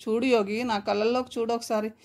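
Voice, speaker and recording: A woman voicing a gentle, weary young mother who pleads softly, in a read-aloud novel. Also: a little high, little pitch movement, brisk, slight background noise, lightly acted. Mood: pleading.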